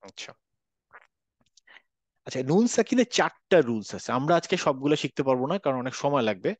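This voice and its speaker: A man's voice: medium pitch, sing-song, brisk, no echo. A man teaching a Quran recitation class online, patiently repeating examples and checking that students follow. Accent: Bangladeshi Bengali.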